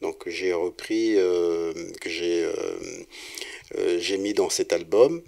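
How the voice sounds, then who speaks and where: A middle-aged Congolese singer-songwriter, being interviewed, speaks in a low voice and takes his time. He sounds relaxed and hesitant, with lots of fillers and restarts.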